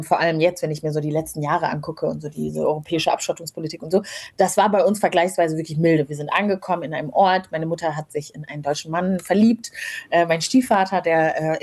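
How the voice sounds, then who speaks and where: A woman in her thirties, born in Rwanda and raised from age ten in small-town Germany, tells personal stories as an interview guest. Her voice is fairly low, darkish and husky, and her storytelling is casual, reflective and chatty.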